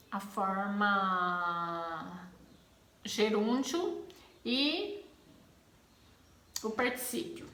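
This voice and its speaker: A woman with a Brazilian Portuguese accent teaching a grammar lesson, expressive and acting out exclamations to make her points. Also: fairly high pitch, echoey room.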